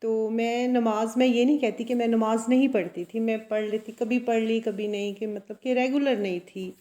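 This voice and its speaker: A woman speaks to her audience in a personal motivational vlog. Her voice sits a little high, and she talks earnestly and confidingly. She often turns to her listeners with a quick check that they are following. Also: fairly even intonation, warm tone. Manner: earnest, confiding, with frequent tag questions. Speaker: vlogger. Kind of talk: personal motivational talk to camera.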